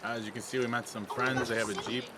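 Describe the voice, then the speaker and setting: A man's voice: medium pitch, little pitch movement, fast. A man hosting a camping vlog, chatting in an easygoing, joking way outdoors. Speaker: vlog host. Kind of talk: casual vlog chat. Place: outdoor campsite. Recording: noisy outdoor camera audio.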